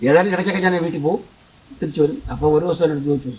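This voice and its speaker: Fast-talking older man from Kollam. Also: fairly high pitch, darkish tone, far from the mic, rough recording. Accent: Kollam Malayalam. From Kollam, Kerala, India. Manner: rambling, conversational, with frequent restarts. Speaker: film director. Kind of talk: reminiscing storytelling.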